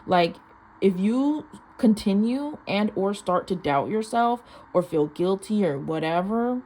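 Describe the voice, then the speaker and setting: In an expressive, unhurried, slightly mellow mid-range voice, a young tarot reader offers an informal, rambling mystical reading. She talks chattily and uses "like" a lot, and background noise is clearly present.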